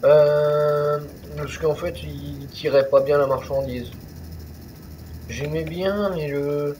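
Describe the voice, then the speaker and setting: A man's voice: mid-range voice, mellow, a little hiss or hum, rough recording. A young man casually commenting on a truck driving game, rambling with many fillers and restarts. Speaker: gaming youtuber. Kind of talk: casual let's-play commentary.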